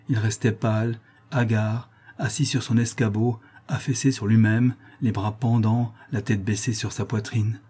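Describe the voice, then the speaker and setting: A man reading a novel aloud in measured, subdued scripted narration. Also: lowish voice, mellow, husky. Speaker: audiobook narrator.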